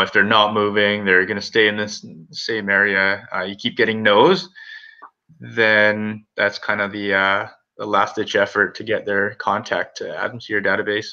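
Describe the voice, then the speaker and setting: A man's voice: lowish voice, pushed and bright, lo-fi sound. A man giving straightforward, practical tips on a group call.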